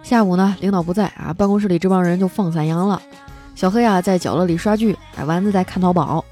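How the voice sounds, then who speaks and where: A woman host telling comic stories in a lively, chatty way, stretching out her sentence-end particles. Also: fairly low pitch, fast talker, soft background music. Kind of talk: comic storytelling monologue.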